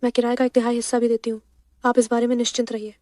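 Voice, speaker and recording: A woman's voice: on the high side, flat delivery, very fast, dry recording, natural voice. A woman dubbing a cheerful, talkative young woman who poses as a girlfriend. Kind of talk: dubbed drama acting. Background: soft background music.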